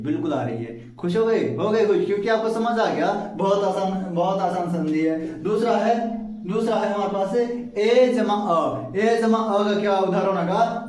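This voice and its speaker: A man's voice: sits high, a little mellow. A male teacher giving a grammar lesson, asking questions and answering them himself, calling his students friends. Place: classroom. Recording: echoey room, mic at a distance.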